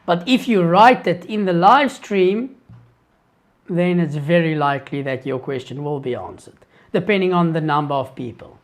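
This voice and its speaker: His voice a little high, an Afrikaans-first South African man answers his live-stream viewers' questions in earnest. He thinks aloud, halting and then starting over.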